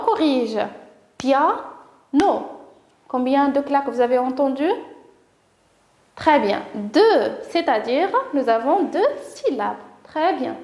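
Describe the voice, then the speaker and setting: Moroccan-accented woman, primary teacher, high voice, slow careful delivery, sounds out syllables, echoey room. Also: darkish tone. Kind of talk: recorded classroom lesson for young children.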